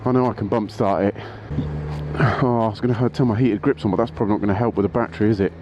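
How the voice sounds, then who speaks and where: A man's voice: on the low side, fairly even intonation, fast talker, muffled recording. A man vlogging casually about his motorbikes, rambling and often breaking off to restart his sentences. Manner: rambling, self-interrupting. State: out of breath. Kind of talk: casual vlog monologue. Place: outdoors by a road. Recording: outdoor street noise behind.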